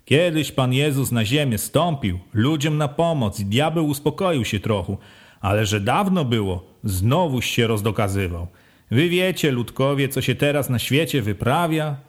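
A man voicing an old, pious wandering beggar who talks slowly and gravely. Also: mid-range voice, lively intonation, natural voice.

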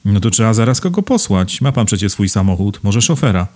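A man voicing a calm, cunning young man who answers dryly and offhandedly in an audiobook. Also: lowish voice, brisk. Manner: dry, laconic, offhand. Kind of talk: audiobook character voice.

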